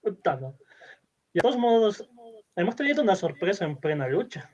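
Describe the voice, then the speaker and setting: A man's voice: high-pitched, big pitch swings, moderate pace. A man chatting casually as a wrestling panelist, with blunt, sweary interjections. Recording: dull, lo-fi voice sound.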